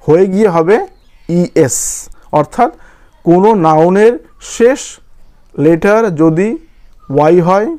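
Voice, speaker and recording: Man, grammar teacher, spells letter by letter, mellow tone. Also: high voice. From West Bengal. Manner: spells words out letter by letter, often asks "clear?". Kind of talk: grammar lesson.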